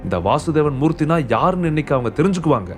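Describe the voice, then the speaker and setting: A man voicing an arrogant, middle-aged rich father who shouts orders in anger, in an audiobook. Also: on the high side, sing-song, fast talker, faint music behind. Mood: furious. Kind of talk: audiobook character voice.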